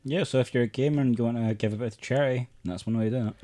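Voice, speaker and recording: A man's voice: mid-range voice, fairly even intonation, rapid-fire, warm tone. A man co-hosting a podcast in casual chat, teasing and joking and swearing freely. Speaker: podcast co-host.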